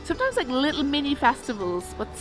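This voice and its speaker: Speaking quickly in a high voice with huge pitch swings, a Galway woman with a west of Ireland accent chats eagerly as a vlog co-host. It's casual talk, set over clearly audible background music.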